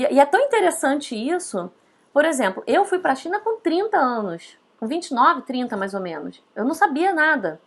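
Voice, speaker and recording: A woman teaching a casual online lesson, chatty, often tagging her points with quick questions. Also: high-pitched, fairly bright tone. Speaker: Mandarin teacher.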